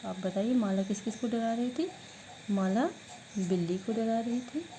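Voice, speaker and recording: A woman teacher giving an online class lesson, who asks questions and answers them herself, drilling words slowly syllable by syllable. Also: a little high, dark tone, slight background noise, poor audio.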